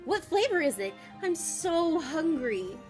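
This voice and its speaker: A woman voicing an eager, hungry young fox companion who talks in a slow, drawn-out way. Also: extremely high pitch, sing-song, a little mellow, soft background music, pitched above the performer's own voice, full character voice.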